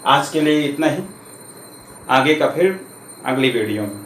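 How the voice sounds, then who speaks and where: A man teaching a grammar lesson, explaining patiently step by step and slowly repeating each term. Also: mid-range voice, lively intonation, fairly bright tone. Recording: echoey room, faint ambient noise.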